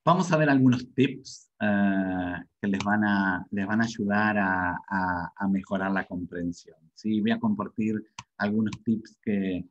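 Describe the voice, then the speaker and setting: Unhurried and low-pitched, a middle-aged man with an Argentine Spanish accent lectures informally on language in a webinar, regularly checking in with quick tag questions. Slight background noise sits under the dull, muffled recording.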